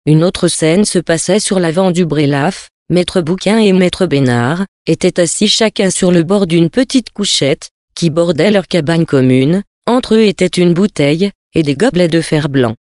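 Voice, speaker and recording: A man's voice: a little high, unhurried, few pauses, a little mellow, no room sound, clean studio sound. Man reading a sea story aloud. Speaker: reader.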